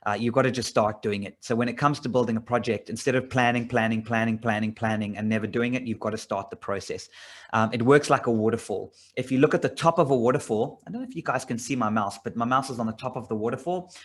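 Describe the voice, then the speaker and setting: A man's voice: medium pitch, fast. A middle-aged man from South Africa giving a casual slide presentation about his business, rambling a bit with many fillers and restarts. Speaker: business owner presenting a job opportunity.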